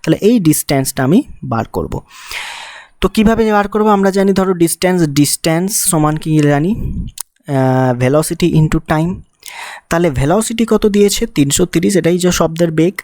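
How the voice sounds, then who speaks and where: A teacher explains physics problems for exam students one step at a time. The voice sits at a middle pitch, and it is recorded close up on a dry mic with no room echo. The teacher keeps asking the student rhetorical questions and uses English technical words in the middle of sentences. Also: expressive, a little fast, darkish tone. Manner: mixes English technical terms into the talk. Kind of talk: exam-prep physics lesson.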